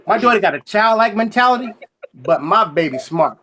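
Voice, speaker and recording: A young adult man with a fairly high voice works through a stand-up set. He tells stories in a loose, chatty way and slips into quick voices for the people in them. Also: animated, bright, forceful tone, highs cut off. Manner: storytelling with voices for friends and family, loose and conversational. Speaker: stand-up comedian.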